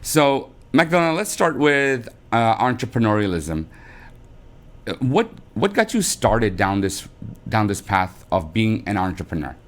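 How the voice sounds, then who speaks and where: Halting man asking rambling questions. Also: fairly low pitch, very animated. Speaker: host. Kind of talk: interview questions.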